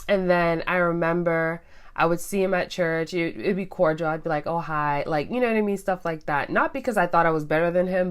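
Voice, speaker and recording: Woman, young adult, low pitch, casual storytelling, candid, chatty. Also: clean tone. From Guyana and Trinidad heritage. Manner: chatty, candid, frequent ums and likes. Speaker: vlogger.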